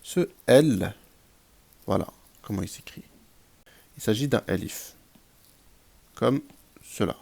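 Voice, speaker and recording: A man's voice: on the low side, expressive, takes it slowly, creaky, long pauses, a little mellow, breathy edge. A man teaching an Arabic grammar lesson, patiently repeating examples and checking in with his listeners.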